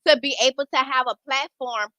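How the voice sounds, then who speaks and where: A woman's voice: high-pitched, steady tone, a little fast, pushed and bright, dry recording. A woman hosting a radio show, talking in a casual, conversational interview style.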